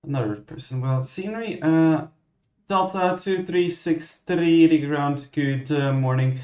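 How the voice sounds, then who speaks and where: A man working as a ground controller, giving clearances and commentary in a halting, self-correcting way. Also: fairly high pitch, a little mellow. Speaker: virtual air traffic ground controller. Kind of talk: radio clearances and explanatory commentary. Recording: muffled, roomy microphone sound.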